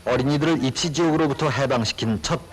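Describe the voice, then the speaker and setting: A man's voice: medium pitch, fast talker, poor audio. A man reading scripted narration for a newsreel retrospective. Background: music.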